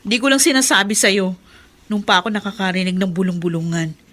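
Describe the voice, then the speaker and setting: Actress playing Melinda, hesitant worried wife. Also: female voice, medium pitch, steady tone, fairly quick, a bit bright, close to an everyday voice. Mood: placating. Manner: placating, hesitant. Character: worried wife trying to calm things. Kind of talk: Filipino radio drama acting.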